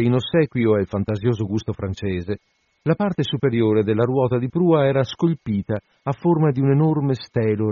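A man narrating a classic novel as an expressive audiobook reading. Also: medium pitch, husky, no echo. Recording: dull lo-fi dry recording.

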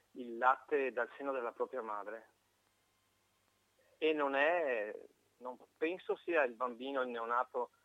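A man calling in to a live radio show over the phone, giving a halting, reflective opinion with frequent restarts. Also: mid-range voice, dry recording. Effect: heard over a phone line. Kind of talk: call-in opinion on a live broadcast. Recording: tinny dry phone line.

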